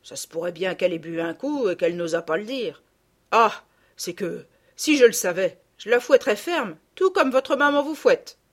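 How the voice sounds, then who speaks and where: Voicing a blunt-spoken, rustic middle-aged peasant gardener for an audiobook, this woman brings out the character's gossiping, scolding side. Her voice is mid-range and expressive at a normal speed, staying close to how she'd sound every day.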